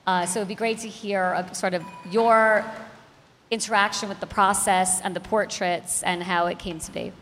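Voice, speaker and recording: Lower-voiced woman moderator in a gallery. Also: fairly bright tone. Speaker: panel moderator. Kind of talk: live panel moderation. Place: art gallery. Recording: long gallery reverb.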